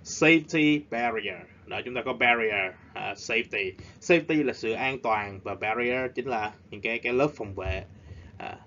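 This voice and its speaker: A man teaching an English lesson, explaining at length and slowing down for emphasis. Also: medium pitch, pushed and bright, a little hiss or hum. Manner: switches between explaining and slow, emphatic drilling. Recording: slightly dull lo-fi audio.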